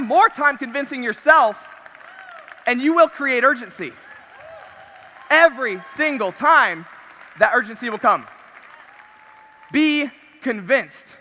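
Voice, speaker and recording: A man giving an energetic motivational talk on a convention stage, with punchy lines that repeat key phrases. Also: very high voice. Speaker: convention speaker. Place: large convention hall. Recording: reverberant convention hall.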